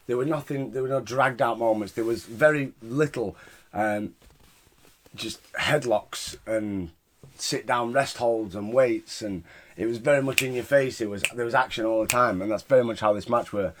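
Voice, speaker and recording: A man's voice: mid-range voice, normal speed, a little hiss or hum. A British man hosting a casual, sweary podcast recap of wrestling in an informal way. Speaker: podcast host reviewing wrestling shows.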